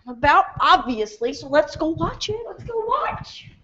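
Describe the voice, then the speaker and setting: A woman's voice: high-pitched, sing-song, moderate pace, fairly bright tone. A young woman casually hosting a student telethon, self-deprecating and light, on a dull lo-fi recording. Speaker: telethon host. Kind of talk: casual live presenting.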